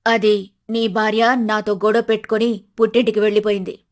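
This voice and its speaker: A woman voicing a strict, proud middle-aged mother-in-law in an animated storybook, scolding in a stern voice. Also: medium pitch, fairly quick, lightly acted. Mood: complaining.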